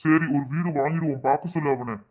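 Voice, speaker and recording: Man doing a matter-of-fact village father, a bit lower than his other role. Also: fast, a little mellow, lightly acted. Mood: calm. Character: laboring village father, calm and steady.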